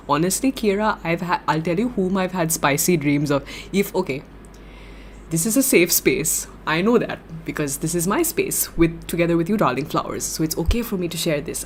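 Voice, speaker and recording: A young woman livestreaming, chatting casually with viewers and answering their comments in a giggly, gushing, excitable way. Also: sits low, slight background noise.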